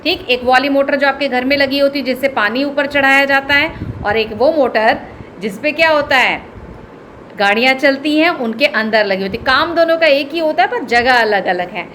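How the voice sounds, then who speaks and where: A woman's voice: sits high, fairly bright tone, slight background noise. A woman teacher giving an online reading lesson to children, sounding out words one at a time. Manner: slow, word-by-word dictation-style reading.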